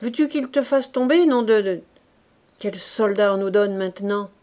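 A woman barking as a gruff army corporal. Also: fairly high pitch, expressive, normal speed, a little mellow, lightly acted. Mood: commanding. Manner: barking orders, raised voice. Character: gruff blunt male corporal, brisk and commanding.

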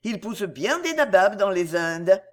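A woman's voice: medium pitch, sing-song, unhurried. A woman reading a storybook and voicing a young courtesan, tender, scheming and coaxing. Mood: teasing. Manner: coaxing, affectionate.

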